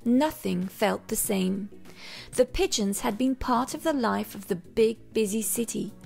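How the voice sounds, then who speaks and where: A woman reading a children's picture book aloud in a gentle, expressive storytelling manner. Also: a little high, measured pace, creaky, soft background music. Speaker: storybook reader.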